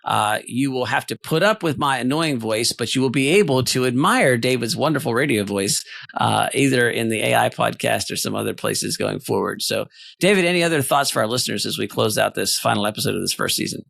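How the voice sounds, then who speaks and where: A man hosts a casual podcast chat, his words coming quickly in a gravelly voice. He thinks aloud and rambles with fillers. The sound is dry and close. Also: mid-range voice, a bit bright, dry recording. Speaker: podcast co-host.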